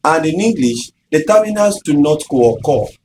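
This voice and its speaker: Man giving a measured grammar lesson. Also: on the high side, animated, darkish tone, slight background noise, rough recording. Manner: measured, explanatory, addresses viewers directly. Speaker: English tutor.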